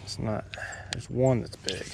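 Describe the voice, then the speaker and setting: Excitable man fishing by a pond. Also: mid-range voice, measured pace, creaky. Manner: excitable, talks to the fish and viewers. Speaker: fishing vlogger. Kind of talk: casual narration while fishing. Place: outdoors at a pond bank. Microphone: head-mounted action camera. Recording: outdoor camera mic with nature noise.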